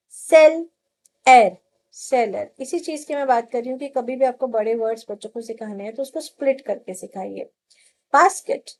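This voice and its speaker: A woman teaching an online English lesson, explaining a textbook page step by step and reading English lines slowly and carefully. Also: high-pitched, mellow, rough recording.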